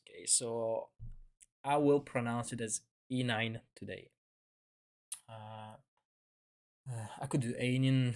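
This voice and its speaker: Chatty man streaming a game. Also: mid-range voice. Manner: chatty, rambling with fillers and self-corrections. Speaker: gaming streamer. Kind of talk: casual live-stream commentary.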